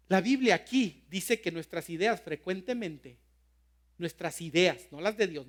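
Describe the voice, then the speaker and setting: High-voiced pastor preaching. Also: male voice. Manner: animated, asks the congregation questions often. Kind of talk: sermon.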